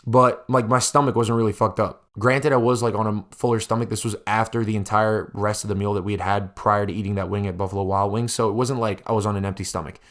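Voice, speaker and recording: A man's voice: fairly low pitch, steady tone, quick pace, few pauses, a bit bright. A young man hosting a podcast, telling a personal story casually to listeners, with heavy swearing and vivid exaggeration. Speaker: podcast host.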